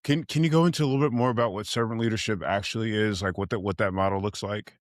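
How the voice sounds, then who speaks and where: A man's voice: fairly low pitch, fast, dry recording, clean studio sound. Upbeat male podcast host. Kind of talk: podcast interview.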